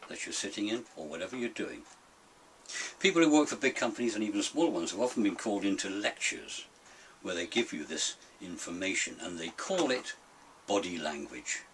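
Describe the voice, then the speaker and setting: An older British man grumbles through a comic monologue in a fairly low voice. His delivery is grumpy, blunt and theatrical, swinging widely up and down. He is recorded at a distance from the mic, with faint noise behind him. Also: a bit bright. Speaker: solo monologue presenter. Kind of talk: comic rant to camera.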